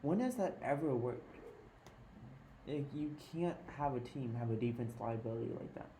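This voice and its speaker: A man's voice: mid-range voice, lively intonation, moderate pace, dark tone, a little hiss or hum. A man co-hosting a podcast, chatting casually and joking about sports. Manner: playful, jokey banter. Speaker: podcast co-host. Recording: roomy echoey room.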